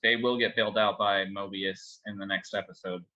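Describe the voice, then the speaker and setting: A man's voice: fairly low pitch, steady tone, moderate pace, bright, forceful tone. A man hosting a podcast in casual chat, giving brief agreeable replies, on a dull lo-fi mic. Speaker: podcast host.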